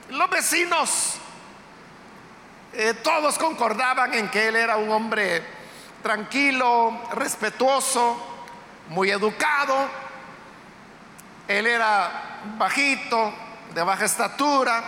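Pastor guy telling a story in church, really high pitched voice, echoey hall, slow and chatty. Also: sharp tone, a little hiss or hum. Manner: conversational, unhurried retelling of a story. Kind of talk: storytelling sermon. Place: church sanctuary. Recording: echoey hall with long reverb, faint ambience.

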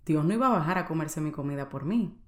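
A woman with a lowish voice tells her own story on a podcast. She talks in an earnest, confiding way, speaking straight to the listener. Her voice rings in a roomy, echoey space. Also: animated, fast. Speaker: podcast host. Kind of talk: personal testimony podcast.

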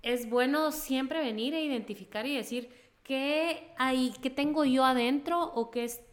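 A woman's voice: sits high, measured pace. A woman, co-hosting a podcast and asking a guest thoughtful questions while searching for words. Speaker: podcast co-host. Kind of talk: casual interview questions.

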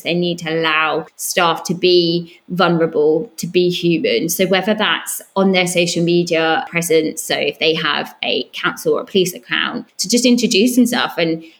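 Female podcast guest, Essex accent, slightly low voice, earnest and emphatic, conversational. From Southend, Essex, England. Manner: earnest, emphatic, talks in long flowing answers. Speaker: podcast guest, communications professional. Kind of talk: conversational interview answers.

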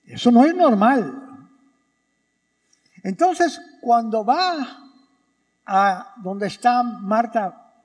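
A man's voice: high voice, darkish tone. A man, a priest, giving a Sunday homily in an emphatic way, with rhetorical questions and acted-out quotes. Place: church. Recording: reverberant church hall.

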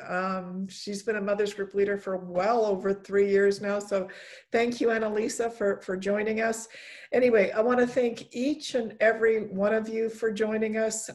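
A middle-aged woman hosting a conversational talk, speaking haltingly and repeating words and phrases for emphasis. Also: mid-range voice. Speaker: host of a mothers' prayer group talk. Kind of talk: warm conversational talk with closing reflections.

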